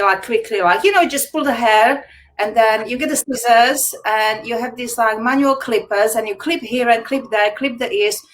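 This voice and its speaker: A woman's voice: a little high, fairly bright tone, low-quality recording. Give me a laughing woman on a video call. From Slovakia. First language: Slovak. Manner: chatty, laughs often, loose grammar. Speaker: guest, retired dog groomer. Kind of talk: casual interview chat.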